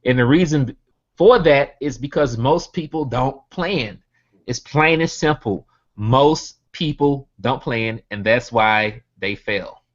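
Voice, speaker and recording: A man from Birmingham, Alabama, with a Southern accent gives an online motivational business presentation, piling up rhetorical questions and repeating his key points. His medium-pitched voice moves slowly, and the computer mic on the video hangout makes it sound muffled.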